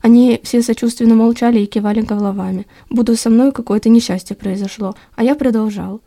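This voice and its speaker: A woman reading a story aloud in the first person, lively and expressive. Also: on the high side, fairly quick.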